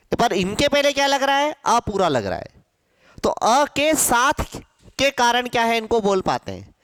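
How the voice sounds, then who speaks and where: A male Hindi teacher giving a grammar lesson to a class, asking questions and answering them himself, sounding out syllables slowly. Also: very high-pitched, fairly bright tone, clear, resonant tone, no room sound, studio quality. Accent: Hindi, from central India.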